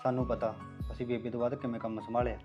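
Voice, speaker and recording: An actor with a Punjabi accent playing a fond young farmer who has just married. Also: male voice, medium pitch, level tone, very fast, highs cut off, lightly acted. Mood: wistful. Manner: fond, calls her "yaar". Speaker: newlywed husband. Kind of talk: village family drama acting. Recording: background music.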